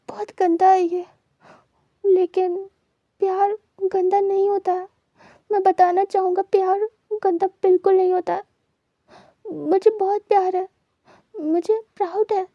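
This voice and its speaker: Woman doing a crying young man, stammering, pleading, high flat voice, dark tone. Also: no room sound, muffled recording. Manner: sobbing, stammering and repeating words. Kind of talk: dramatized story reading.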